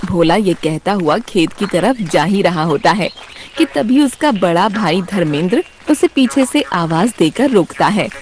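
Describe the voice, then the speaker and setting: A woman narrating a children's cartoon story in an even, plain storytelling manner. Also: fairly low pitch, measured pace, a little hiss or hum.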